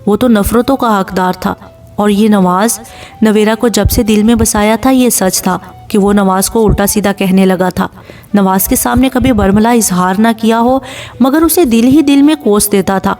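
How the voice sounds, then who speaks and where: A woman reading a romance audio novel as narrator in a steady, expressive way. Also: mid-range voice. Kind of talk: scripted story narration. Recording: distant mic with faint background music. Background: faint music.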